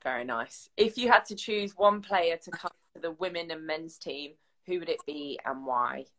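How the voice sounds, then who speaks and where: A woman's voice: low-pitched, fairly bright tone. A woman interviewer, reading fan questions in a chatty, upbeat manner on a live stream. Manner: chatty, upbeat, quick reactions.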